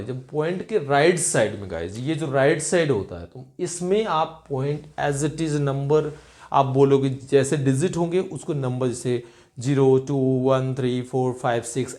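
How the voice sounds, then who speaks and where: A man's voice: on the high side, darkish tone. A young man teaching in a video lecture, mixing Hindi and English, who asks rhetorical questions and repeats the answers.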